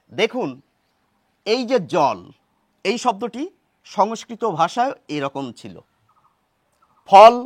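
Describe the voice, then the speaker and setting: A man teaching a grammar lesson in a measured way, asking questions and then answering them himself. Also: high-pitched, dry recording, clean studio sound. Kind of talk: explanatory lesson.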